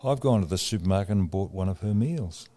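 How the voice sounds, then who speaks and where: A man with a fairly low voice co-hosts a relaxed podcast. He speaks plainly and drily, often breaking in with a quick question. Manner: dry, questioning interjections. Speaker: podcast co-host. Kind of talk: casual chat.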